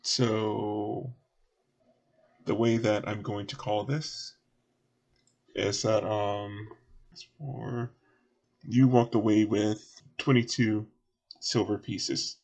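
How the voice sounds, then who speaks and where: A man narrating as game master for a tabletop game, relaxed and rambling with many fillers. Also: lowish voice, very slow, gravelly, long pauses.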